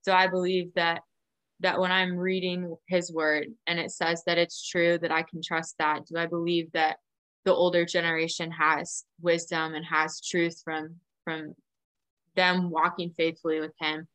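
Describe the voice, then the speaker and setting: A woman's voice: fairly low pitch, level tone, measured pace, a bit bright, clean tone. A woman hosting a faith podcast, talking in an earnest, affirming way and laughing easily. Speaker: podcast host. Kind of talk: casual faith conversation.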